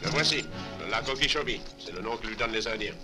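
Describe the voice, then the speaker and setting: A resolute army captain, played by a male actor, speaks quickly in a fairly low voice. He sounds clipped and sure of his authority, as in a dubbed adventure film, with music behind him. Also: lively intonation, natural voice. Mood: composed, assured.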